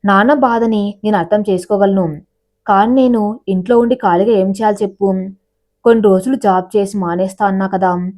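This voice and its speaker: A woman's voice: medium pitch, steady tone, brisk, darkish tone, natural voice. A woman voicing an exasperated spirited young daughter. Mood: complaining. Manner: indignant, exasperated questioning.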